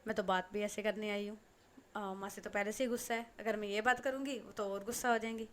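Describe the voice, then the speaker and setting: A woman's voice: mid-range voice, steady tone, brisk, natural voice. A woman voicing a young, playful and curious niece who pleads and hesitates. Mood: pleading.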